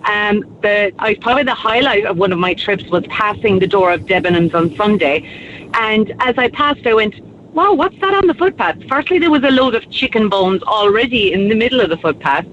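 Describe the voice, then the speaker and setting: A woman's voice: mid-range voice, normal speed, fairly bright tone. An Irish woman with a southwestern Kerry accent, speaking emphatically and indignantly as a caller to a radio phone-in. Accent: southwest of Ireland, Kerry. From County Kerry, Ireland. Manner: emphatic, forthright. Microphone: telephone. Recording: dull phone-in line, faint noise.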